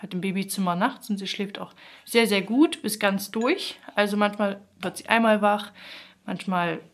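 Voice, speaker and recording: A family vlogger and mother of three in her thirties talks casually at normal speed in a medium-pitched voice. She's indoors in the furnished rooms of her home, recording her daily vlog on a camera handheld or propped at arm's length.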